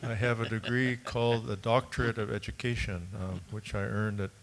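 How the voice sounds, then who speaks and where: A man from Long Beach, California gives a friendly panel introduction with a little humor. His low voice has a gravelly edge. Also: level tone, normal speed. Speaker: education director.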